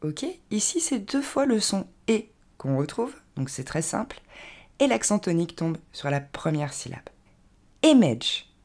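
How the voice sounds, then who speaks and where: Low-voiced woman teaching English pronunciation. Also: sing-song, darkish tone. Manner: clear, patient instruction with slow, careful demonstration of English words. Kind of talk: French-language pronunciation lesson.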